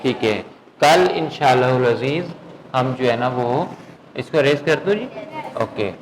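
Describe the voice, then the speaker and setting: A man teaching Quran recitation in a classroom lesson, patiently asking his students whether they follow and slowly drawing out words to demonstrate. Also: medium pitch, animated, slight background noise, rough recording. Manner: patient, checks understanding with frequent questions.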